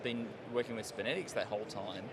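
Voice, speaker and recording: A man's voice: fairly low pitch, fast. A middle-aged man giving a casual product explanation at a trade show stand, conversational and a little hesitant as he thinks aloud. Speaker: company product expert being interviewed. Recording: noisy trade show floor. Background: event hall noise.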